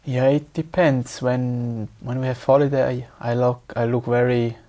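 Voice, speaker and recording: A man's voice: medium pitch, little pitch movement, measured pace, mellow. A young man from Switzerland, an exam candidate speaking hesitantly and repeating words as he searches for English.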